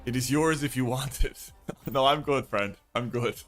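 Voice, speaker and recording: A man's voice: medium pitch, unhurried, a bit bright, soft background music. A man casually commenting on his own card game as he plays live, thinking aloud and greeting viewers in chat. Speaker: streamer and YouTube host.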